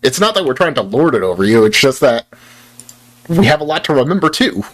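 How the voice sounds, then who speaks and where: A man's voice: medium pitch, sing-song, brisk. A young American man from Utah chatting casually with his viewers while playing, rambling and playful, tired after a long work shift. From Utah, United States. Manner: rambling, playful, self-deprecating, talks to chat. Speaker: streamer. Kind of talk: casual live-stream chat while playing.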